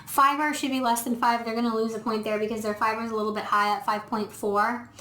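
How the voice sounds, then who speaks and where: A woman's voice: fairly high pitch, little pitch movement, quick pace, sharp tone, slight background noise. A woman veterinarian casually reviewing dog food on camera, explaining step by step as she thinks aloud with frequent ums. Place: indoor room, filming herself. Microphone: camera mic. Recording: echoey room.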